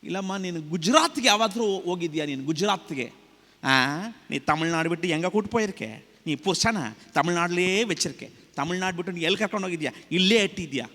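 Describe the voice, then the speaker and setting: Preacher doing a stern ex-soldier husband in a sermon story, rapid accusing questions, low tone, hall echo. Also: male voice, animated, fairly bright tone, full character voice. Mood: suspicious. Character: angry ex-soldier husband, suspicious, later humbled.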